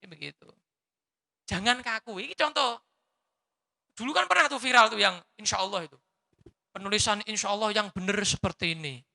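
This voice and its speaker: Male preacher with a Javanese accent, teasing delivery, bright gravelly voice. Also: high-pitched, brisk, long pauses, in a large hall. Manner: lively, teasing, mixes in local words. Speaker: habib preacher answering questions. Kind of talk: religious study lecture.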